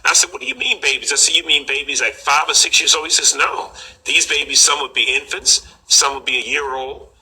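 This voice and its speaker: Husky bright-toned older storyteller man. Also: a little high, little pitch movement, poor audio. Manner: unhurried, halting with fillers. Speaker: collector recounting a story. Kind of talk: personal storytelling.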